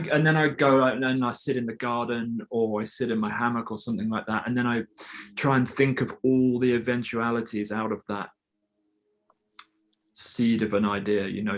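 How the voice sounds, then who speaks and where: Man, mid-pitched voice, reflective, easygoing, explains his process. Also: a bit bright. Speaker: guest storyteller. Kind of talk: casual conversation.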